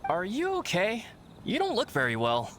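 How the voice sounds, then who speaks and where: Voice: medium pitch, huge pitch swings, moderate pace, fairly bright tone, a little hiss or hum. An actor voicing a courteous female bookstore clerk in a video game, with a polite, upbeat customer-service manner. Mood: concerned.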